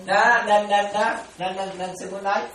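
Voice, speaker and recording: A Buddhist teacher gives a dharma talk in a flat, medium-pitched voice at normal speed, repeating phrases and often checking whether her listeners follow. The echoey room is recorded with a distant mic, with faint ambience and crowd noise.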